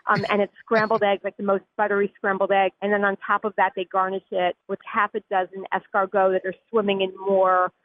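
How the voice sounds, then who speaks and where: A woman's voice: medium pitch, flat delivery, brisk, few pauses, no echo. A woman food editor talking as a guest in a radio interview, chatty, with frequent laughs and many "like"s. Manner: chatty, laughs easily, uses "like" often. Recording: tinny phone line.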